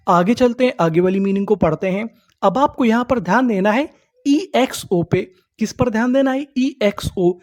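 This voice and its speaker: A male teacher gives a patient online reading lesson. He breaks each word into slow syllables and repeats them. He asks the class a question, then answers it himself. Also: high-pitched, darkish tone. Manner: sounds words out slowly, letter by letter.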